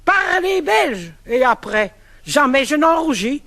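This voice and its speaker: A man's voice: very high voice, very animated, takes it slowly, sharp tone. A man with a Brussels accent performing a comic sketch, proudly declaiming verse about his accent.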